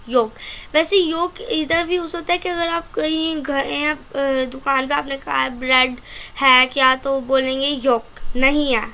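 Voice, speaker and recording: A high-voiced woman with a Pakistani Urdu accent gives an online language lesson. She speaks slowly and carefully and says each new word several times. Her tone is bright. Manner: slow, careful repetition of vocabulary; addresses viewers as friends. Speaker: language teacher.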